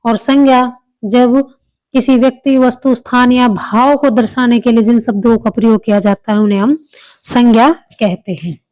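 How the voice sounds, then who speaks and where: Woman teacher explaining grammar, slightly high. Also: fairly even intonation, moderate pace, darkish tone, dry recording, poor audio. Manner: explains step by step, repeats answers, small restarts. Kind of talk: exam-prep lesson.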